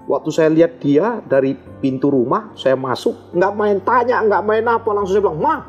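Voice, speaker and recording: A man as an interview guest, telling a personal story in an expressive, animated way. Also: high voice, moderate pace, slightly rough, highs cut off, faint music behind.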